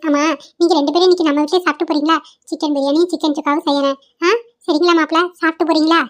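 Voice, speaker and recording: A woman's voice: high voice, steady tone, rapid-fire, natural voice. A woman voicing a sentimental, scolding elderly grandmother in a cartoon, lamenting and grumbling aloud. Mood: fussing. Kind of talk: cartoon voice acting.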